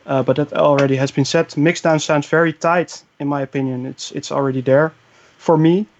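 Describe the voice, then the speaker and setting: A man's voice: a little high, fairly even intonation, fairly quick, a little hiss or hum. A man reviewing a track in a casual chat, hesitant with many fillers. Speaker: show panelist. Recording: dull lo-fi mic.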